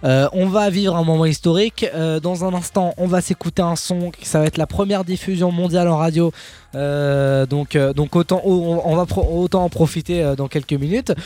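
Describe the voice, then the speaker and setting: A man hosting a radio show in lively banter, chatty and teasing, often repeating himself. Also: fairly high pitch, normal speed.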